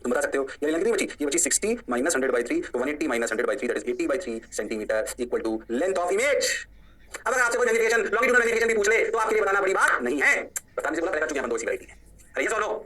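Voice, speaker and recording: A male physics teacher giving a lecture in a high, bright voice. He talks energetically, asks the class questions and then answers them himself. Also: quick pace. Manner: energetic, repeats points and answers his own questions for the class. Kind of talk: online lecture.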